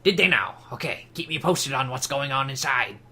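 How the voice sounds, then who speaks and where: Dude doing a nasal sneaky crook voice, wheedly, kinda loud. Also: male voice, mid-range voice, expressive, normal speed, husky, exaggerated voice. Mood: scheming. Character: scheming, nasal adult male crook.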